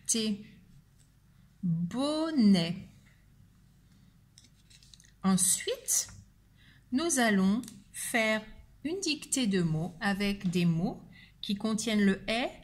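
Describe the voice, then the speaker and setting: A woman teacher leads a spelling dictation at a very slow pace. She says each word deliberately and repeats it carefully. Her voice sits at a middle pitch. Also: a bit bright.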